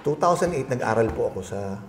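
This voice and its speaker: A man's voice: medium pitch, lively intonation, brisk, reverberant, slight background noise. A middle-aged man, a guest being interviewed, telling a long personal story in a polite, rambling way with many restarts. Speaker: guest, agribusiness consultant.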